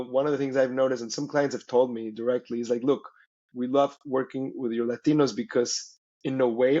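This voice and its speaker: A Mexican man, a native Spanish speaker and company founder, talks conversationally as an interview guest, often checking in with "right?". His voice sits at medium pitch with a darkish tone, and the highs are cut off.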